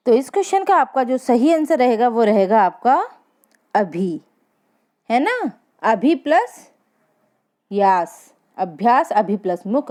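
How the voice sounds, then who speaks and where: A woman teacher leading an exam-prep lesson, reading out each question and its options slowly, then giving and explaining the answers. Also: high voice, darkish tone.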